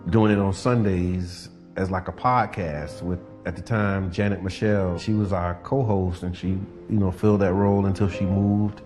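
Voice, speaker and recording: A deep-voiced man talks through his story in an unhurried, reflective way, leaning on fillers as he goes. Soft music plays faintly under his voice. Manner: relaxed, thoughtful, many fillers. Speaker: radio show host and organizer. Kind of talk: casual reflective interview talk.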